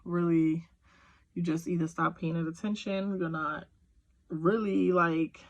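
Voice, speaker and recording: A woman with a lowish, level voice does a casual tarot reading at home, kids nearby, speaking at a measured pace. She rambles, uses lots of fillers, and addresses the viewer directly. The recording is lo-fi.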